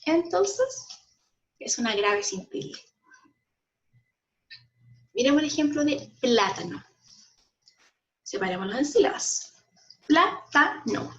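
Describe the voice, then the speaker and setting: A woman teacher with a Chilean Spanish accent explaining a school lesson to children, slowly stressing syllables and often checking in with them. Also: on the high side, very animated, distant mic. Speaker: primary school language teacher. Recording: muffled sound, voice a bit off-mic.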